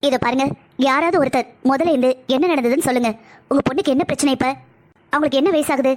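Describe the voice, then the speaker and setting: Woman doing a bossy cartoon lady doctor, high voice, talks fast. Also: darkish tone, lightly acted. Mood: stern reassurance. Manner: brisk, commanding, reassuring. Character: calm, firm female doctor, a busy pediatrician. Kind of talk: cartoon voice acting.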